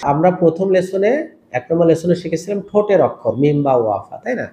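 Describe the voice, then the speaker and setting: A man teaching Quran letters step by step, patiently repeating each sound in a slow, drawn-out way. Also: a little high, very animated, warm tone, reverberant, slight background noise. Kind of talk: step-by-step recitation lesson.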